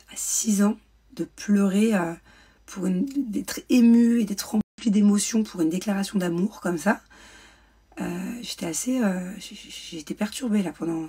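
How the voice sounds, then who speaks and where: A woman's voice: medium pitch, moderate pace, warm tone, breathy edge. A young woman telling a personal story in a vlog, hesitant with many fillers and restarts. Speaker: mother vlogger. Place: indoors at home, ring light.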